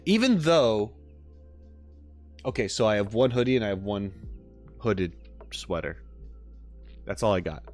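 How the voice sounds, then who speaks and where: A game reaction streamer, hosting from a home setup with a green screen, rambles informally to his viewers and jokes about himself. His voice is fairly low and darkish, expressive, at a measured pace with frequent pauses. Background music plays.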